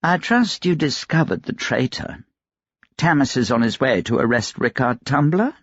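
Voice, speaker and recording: A man's voice: mid-range voice, moderate pace, slightly rough, dry recording, dull audio, voice pushed up. A man voicing a cold, emotionless noble. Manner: calm, detached, menacing.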